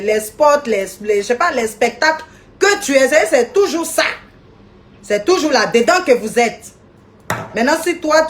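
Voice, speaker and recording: A woman ranting indignantly on a live video stream, scolding people and greeting viewers by name. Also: fairly high pitch.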